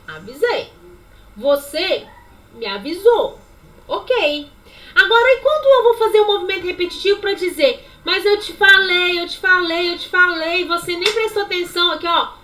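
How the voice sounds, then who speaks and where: High bright-voiced woman teaching. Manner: demonstrative, repeating examples, animated. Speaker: sign language teacher. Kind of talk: online lecture. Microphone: webcam.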